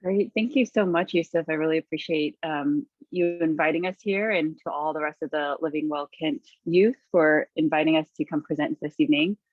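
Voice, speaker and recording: A woman's voice: deep voice, brisk, few pauses, no room sound. Brief: female staff presenter, polite, dry muffled call audio. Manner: polite, appreciative. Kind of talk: meeting introduction. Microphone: video call.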